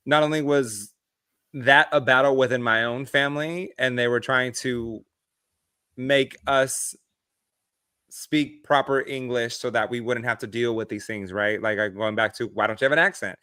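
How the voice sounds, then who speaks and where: Man, podcast co-host, bright voice, dry close sound, animated swearing storyteller. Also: medium pitch, moderate pace, smooth, dry recording. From United States. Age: adult, past his early twenties. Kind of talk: casual podcast chat.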